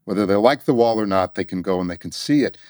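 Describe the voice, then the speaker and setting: A man's voice: lowish voice, quick pace, a little mellow, no echo, studio quality. A man interviewing a guest, conversational, repeating words and checking his facts with short questions. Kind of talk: radio interview.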